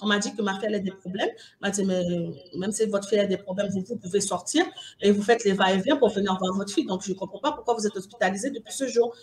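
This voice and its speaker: Woman, mother giving a testimony; emotional, halting retelling with quoted exchanges. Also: mid-range voice, darkish tone. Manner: emotional, repeats and restarts, quotes others in dialogue. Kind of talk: personal testimony, recounting events.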